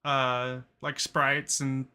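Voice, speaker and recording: A man's voice: medium pitch, level tone, drawn-out words, pushed and bright, smooth. A man hosting a casual podcast, rambling with lots of fillers and swearing freely. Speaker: podcast host. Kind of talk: casual chat.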